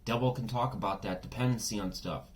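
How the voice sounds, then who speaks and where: Slightly hoarse and worn, as if he's sick, this tarot reader talks at a quick pace in a lowish voice over slight background noise. He's chatty and blunt, with lots of swearing and asides.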